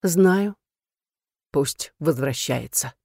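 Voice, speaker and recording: A reader voicing a gruff, blunt, tired middle-aged father who speaks curtly. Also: a little high, animated, drawn-out words, a little mellow, no room sound, studio quality, exaggerated voice. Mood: weary. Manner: curt, growling.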